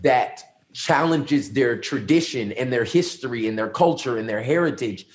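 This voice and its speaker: Middle-aged man, pastor, earnest and reflective, mid-pitched voice, relaxed conversational interview answers. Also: moderate pace. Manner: earnest, reflective storytelling with many ums. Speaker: lead pastor.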